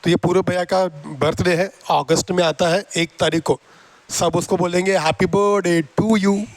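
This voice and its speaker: A man's voice: high voice, steady tone, normal speed, no room sound. A man teaching a math class, teasing and coaxing his students as he goes. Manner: coaxing and repetitive.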